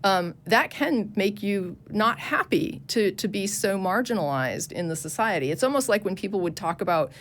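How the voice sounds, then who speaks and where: A woman co-hosting a call-in show, arguing her view in a quick, earnest manner with many restarts. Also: medium pitch, lively intonation, slight background noise. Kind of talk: casual call-in debate.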